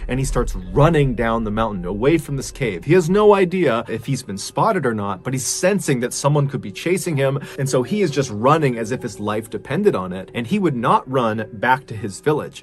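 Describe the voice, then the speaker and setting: A man tells a scary story at a steady middle pitch, piling on suspense. His narration is dramatic and keeps the tension climbing. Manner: suspenseful, builds tension with repetition.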